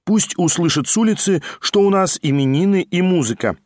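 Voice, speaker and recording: A man's voice: high-pitched, lively intonation, normal speed, darkish tone, no room sound, clean studio sound, voice pushed up. A man voicing an insistent, commanding woman hostess in an audiobook reading. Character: bossy fussy woman hostess, conspiratorial.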